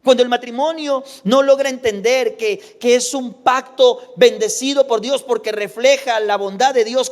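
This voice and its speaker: A man preaching a sermon as pastor, emphatic and full of rhetorical questions. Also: extremely high pitch. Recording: long hall reverb.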